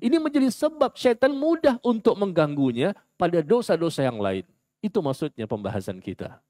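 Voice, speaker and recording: A man giving a sermon in a mosque, lively and theatrical, acting out quoted voices and asking the congregation questions. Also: high voice, brisk, no room sound, clean studio sound. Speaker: preacher.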